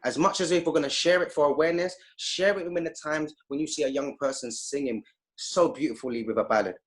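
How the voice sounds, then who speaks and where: Speaking fast in a slightly high voice, a man guests on an interview via video call as a youth activist. He delivers impassioned, emphatic and preachy remarks, voicing the people he quotes.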